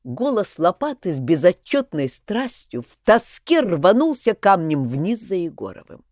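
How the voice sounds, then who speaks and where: A woman reads a comic story aloud, her pitch leaping around widely. She reads expressively and performs every character. The recording is dry and close. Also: measured pace, dry recording. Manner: expressive, performs all the voices. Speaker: narrator. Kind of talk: storybook reading.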